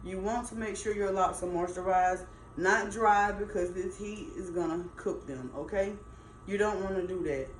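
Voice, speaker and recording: A middle-aged woman speaks in with an average pitch. She chats casually and emphatically, like a folksy stylist giving advice, circling back to stress her points. The room echoes around her voice, with faint noise behind it. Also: moderate pace. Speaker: natural hair stylist. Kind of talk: casual chatty advice to camera. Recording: roomy echo, faint background noise.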